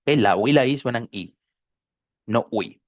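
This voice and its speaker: Teacher, animated and expressive, drills pronunciation by repeating words slowly, dry close sound. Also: mid-range voice, dry recording. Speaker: English teacher. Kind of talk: online pronunciation lesson.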